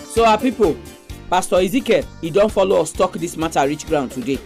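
A woman's voice: fairly low pitch, animated, a little fast, darkish tone. A woman with a Nigerian accent, presenting a radio programme in Pidgin as its host. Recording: music behind the voice.

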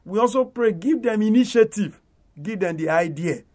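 A man's voice: sits high, lively intonation, normal speed, darkish tone. A male pastor with a Nigerian accent, praying aloud in Nigerian Pidgin.

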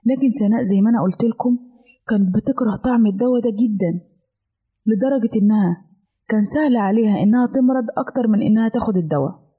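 Egyptian arabic lady reading a kids story, kinda high, husky, affectionate. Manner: warm, affectionate. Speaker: children's storyteller. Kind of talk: storytelling narration for children.

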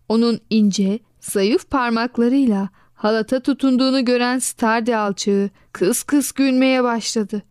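A woman narrating a children's storybook in an expressive reading voice, giving quoted lines a lively lift. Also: on the high side, smooth, no echo, studio quality.

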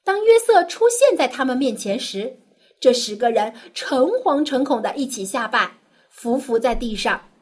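Expressive young woman telling a kids story. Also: high-pitched, moderate pace, slightly rough. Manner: gentle, expressive storytelling to a child. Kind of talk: children's Bible story narration.

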